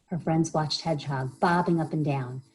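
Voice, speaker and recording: Acting as a library storyteller, a woman reads a children's book with expression, frequently pausing to pose questions to the kids listening. Her voice is deep and husky, and the audio quality is poor.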